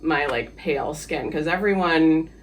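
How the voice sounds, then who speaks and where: A man's voice: a little high, a little slow, a little hiss or hum. A man from the Philippines, a guest on an interview podcast, talking casually and hesitantly with many fillers and easy laughs.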